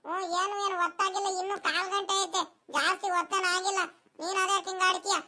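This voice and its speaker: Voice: very high-pitched, flat delivery, quick pace, bright, forceful tone, exaggerated voice. A performer doing a whiny cartoon schoolboy. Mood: whining. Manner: whiny complaining rural speech. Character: whiny sulking village schoolboy. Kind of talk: animated cartoon voice acting.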